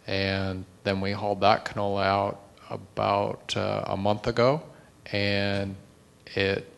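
A middle-aged man answers a panel question in a low, flat voice. He lays out each step of the work in a steady, matter-of-fact way, standing in a conference room. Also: clean tone. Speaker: farmer panelist.

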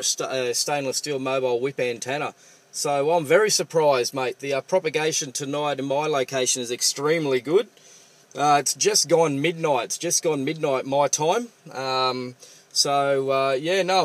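A man with an Australian accent talking as a radio operator in a casual, matey, halting way, with call signs and jargon. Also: mid-range voice, a bit bright. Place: parked vehicle.

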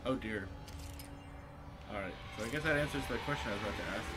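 A man's voice: medium pitch, quick pace, heavy background noise. A man casually commenting on his live gameplay, reacting and swearing as he thinks aloud. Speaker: streamer playing a video game. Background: loud game music.

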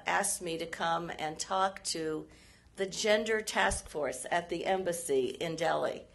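A hoarse woman, a former State Department official, gives a formal policy lecture at a university event, speaking in measured phrases with frequent pauses. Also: fairly low pitch. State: hoarse, frog in her throat.

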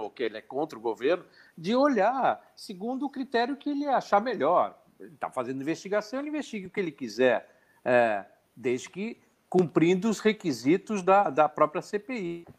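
A man giving his opinions in a political discussion over a video call, his voice coming through metallic and glitchy from an unstable internet connection, with hesitant restarts as he thinks aloud. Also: a little high. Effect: metallic, glitchy voice from an unstable internet stream. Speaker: political commentator on a talk show.

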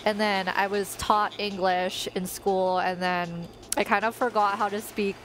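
Her voice medium-pitched, level, unhurried and fairly bright, a young Tagalog-speaking woman in her twenties rambles with lots of fillers while streaming a life-sim game from her bedroom. She uses a headset, game music plays behind her, and the recording is rough.

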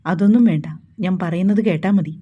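A woman's voice: on the low side, a little fast, phone-quality sound, close to an everyday voice. A woman voicing a stern, protective young man, speaking curtly and bossily. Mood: bossy. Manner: curt, bossy.

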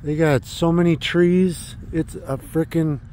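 A man's voice: a little high, fairly even intonation, slow pace, warm tone, a little hiss or hum. A man in his thirties, vlogging enthusiastically outdoors at a tree farm into a phone held at arm's length. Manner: enthusiastic, chatty, exclaims often. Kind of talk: casual vlog narration.

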